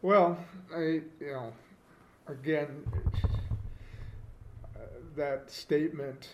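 Male co-host, measured and reflective, lots of fillers, roomy echo, faint hiss behind. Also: fairly high pitch, steady tone, highs cut off. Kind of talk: casual theological discussion.

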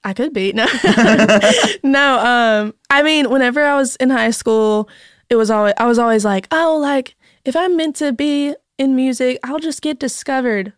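A young woman, a singer-songwriter with a mezzo-soprano voice, chats and giggles as a guest in a casual podcast interview, saying "like" constantly. Her voice is high and her pace measured, captured in a dry, studio-quality recording.

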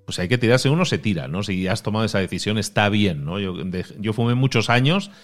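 A middle-aged man hosts a relaxed podcast chat in a lowish voice. He talks animatedly, laughs often and drops to quieter asides. Soft music plays faintly behind him. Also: brisk. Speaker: podcast host. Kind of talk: casual podcast conversation.

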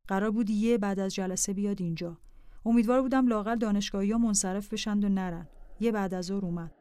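Calm woman reading a diary aloud. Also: mid-range voice, smooth, no room sound. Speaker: narrator. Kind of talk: scripted memoir narration.

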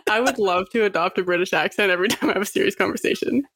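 A woman's voice: mid-range voice, racing, fairly bright tone, husky, dry recording. A young woman co-hosting a podcast in casual chat, rambling with lots of fillers and frequent giggles. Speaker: podcast co-host.

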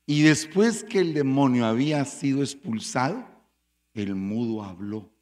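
Animated preacher. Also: male voice, mid-range voice, unhurried. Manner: dramatic storytelling with sudden loud bursts and quiet asides. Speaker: pastor. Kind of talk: sermon.

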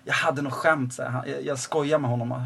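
A man's voice: medium pitch, fairly even intonation, vocal fry, noisy background. A young man from the Stockholm suburbs, an actor guest telling stories in a loose, slangy way and laughing often. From Stockholm suburbs, Sweden. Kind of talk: casual podcast chat.

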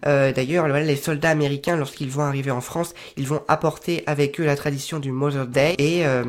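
A shop presenter giving an informal explanatory talk, hesitant, with frequent fillers and restarts. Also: mid-range voice.

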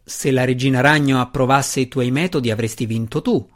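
A scheming dark elf matron who presses every point and will not let it go, read out by a man in his own voice. She sounds sharp and insistent, an audiobook villainess pushing her claim. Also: mid-range voice, fairly quick, lightly acted. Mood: stern. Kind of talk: audiobook reading.

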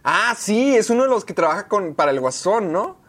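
A co-host in casual podcast chat, animated and quick to exclaim in disbelief. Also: mid-range voice.

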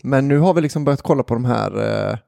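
A man's voice: mid-range voice, vocal fry, mellow, no echo, clean studio sound. A man chatting casually and rambling, drifting from one topic to the next. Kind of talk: casual podcast chat.

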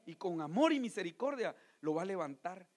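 A man preaching a sermon, moving between loud pleading appeals and hushed asides, often calling his listeners brother. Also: high voice, very animated, brisk. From Guatemala.

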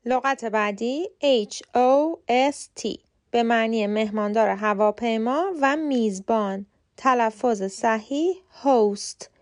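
Woman teaching slow, careful pronunciation. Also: fairly high pitch. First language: Persian. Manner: slow, careful spelling out of words letter by letter. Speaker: podcast host and English teacher. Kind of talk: short scripted pronunciation lesson.

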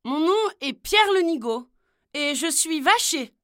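A woman's voice: high-pitched, lively intonation, measured pace, fairly bright tone, no room sound, studio quality, voice pushed up. A woman doing a simple young cowherd. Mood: earnest. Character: simple, good-natured young cowherd boy.

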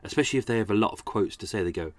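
A podcast host with a lowish, expressive voice races through a casual chat, laughing often and poking fun at himself. The recording is dry, and he comes across chatty and self-deprecating.

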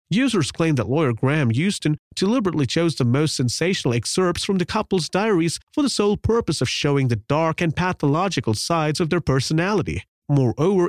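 A man's voice: a little high, no echo, clean studio sound. A man delivering scripted true-crime documentary narration as the host of a podcast.

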